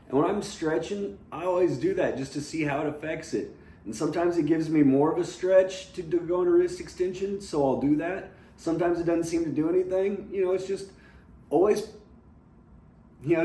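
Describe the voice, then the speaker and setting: A man's voice: fairly high pitch, mellow. A young man leading a seated workout, talking in a casual, candid way and often saying "you know". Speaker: seated fitness instructor. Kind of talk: guided workout instruction. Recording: roomy with faint noise.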